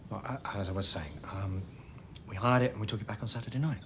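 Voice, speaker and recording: A man's voice: lowish voice, fast, background noise, lightly acted. An actor playing a flustered, hesitant young man questioned by police in a 1990s British drama.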